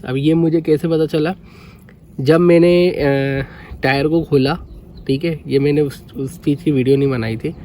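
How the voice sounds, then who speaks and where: A man talks through a bike repair in an easygoing, chatty way, voice a little high and mellow in tone. He keeps checking in with his viewers as he explains. Light noise hums behind him. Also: fairly even intonation, moderate pace. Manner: conversational, repeats "guys" and "okay" often. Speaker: motorbike vlogger. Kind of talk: casual how-to explanation.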